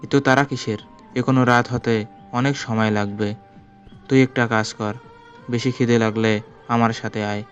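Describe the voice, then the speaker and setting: A man's voice: medium pitch, fairly even intonation, normal speed, long pauses, lo-fi sound, soft background music, lightly acted. A man voicing a threatening plane hijacker who barks blunt orders. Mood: menacing. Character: menacing male plane hijacker, gruff and threatening.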